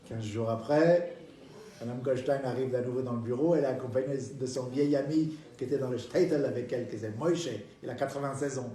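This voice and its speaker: A man telling a joke in a lively storytelling manner, acting out the characters. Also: mid-range voice, fairly quick. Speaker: joke teller. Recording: roomy, from a distance.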